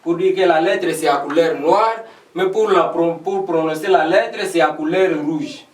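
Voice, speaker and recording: A man from the Democratic Republic of the Congo teaching a beginner English lesson, slowly repeating every phrase. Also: a little high. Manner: slow, repetitive, spelling out each word. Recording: echoey room, voice from a distance.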